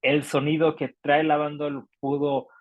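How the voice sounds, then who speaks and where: Mexican man, casual music panelist, mid-pitched, rambling delivery, dry mic. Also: little pitch movement, normal speed, no echo, phone-quality sound. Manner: rambling, many fillers. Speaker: music reviewer.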